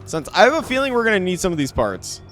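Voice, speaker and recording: Male streamer, animated and chatty, highish voice with a very lively pitch, light music under him. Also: fast. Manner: animated, laughs often, talks to chat viewers. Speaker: streamer playing a game. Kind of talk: casual live-stream chat.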